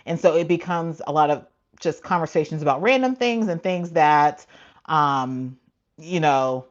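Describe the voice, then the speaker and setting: A woman's voice: deep voice, unhurried, highs cut off. A woman running a casual live-stream Q&A as a cruise travel agent, talking frankly with many asides and frequent laughs.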